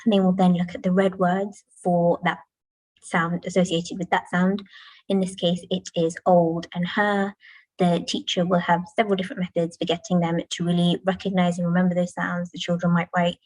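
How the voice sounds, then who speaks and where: Female teacher, parent presentation; low pitch, dry close sound, patient and clear. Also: level tone, moderate pace, a little mellow, dry recording, rough recording. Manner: clear, patient explaining with modelled classroom chants. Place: school, indoors.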